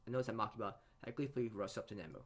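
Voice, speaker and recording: Over game music and heavy background noise, a man with a voice on the low side reads a visual novel very fast as a let's play host. He trips over words, rereads phrases and adds comments between lines of narration.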